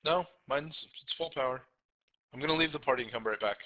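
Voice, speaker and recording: A man's voice: medium pitch, a little fast. Man sounding muffled, like on speakerphone. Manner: puzzled, fiddling with his audio settings. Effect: muffled voice sounding like it comes over a speakerphone. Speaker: podcast co-host. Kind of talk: casual chat. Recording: muffled lo-fi online voice chat.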